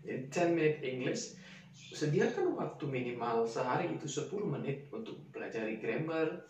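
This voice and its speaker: A man's voice: a little high, big pitch swings, moderate pace, a little mellow, distant mic, slight background noise. Man teaching in an echoey room. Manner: explains step by step, demonstrates pronunciation with repeated example words. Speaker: English teacher. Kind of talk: casual spoken lesson. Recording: echoey room, voice set back from the mic.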